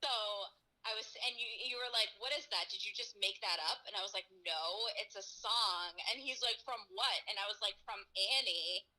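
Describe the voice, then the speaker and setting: A young woman telling a story in a casual chat, animated, laughing and swearing freely. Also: mid-range voice, normal speed, poor audio. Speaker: girlfriend answering viewer questions.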